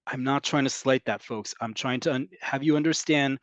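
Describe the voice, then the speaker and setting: A North American Hebrew teacher leads an online class over a video call in a mid-range voice at normal speed, with no room sound. He explains at length in a conversational way, saying "um" frequently.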